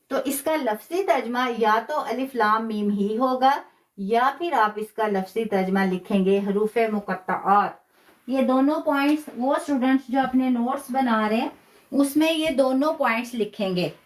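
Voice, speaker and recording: A woman teaching a live online Quran class, patiently repeating key phrases and slowing down to demonstrate pronunciation. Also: a little high. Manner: stretches words slowly when demonstrating pronunciation.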